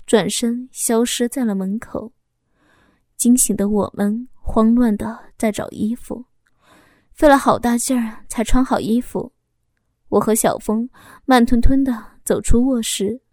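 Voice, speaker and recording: Mellow, high-voiced woman telling a story. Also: no room sound, clean studio sound. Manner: intimate, confessional storytelling. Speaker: audiobook narrator. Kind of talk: scripted first-person story narration.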